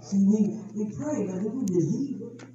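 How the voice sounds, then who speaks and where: A woman preaching a testimony sermon, moving from low storytelling to loud, emotional preaching. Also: moderate pace, dull audio. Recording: echoey room from far off, background noise.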